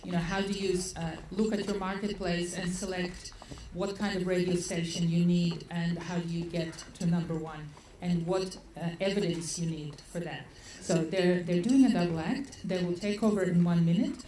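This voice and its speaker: Fairly low in pitch with a dark tone, her intonation stays fairly even at a moderate pace with few pauses. She's an Australian organizer introducing speakers with chatty, laugh-filled, filler-heavy remarks in a conference hall, heard from a distance amid echo and noise.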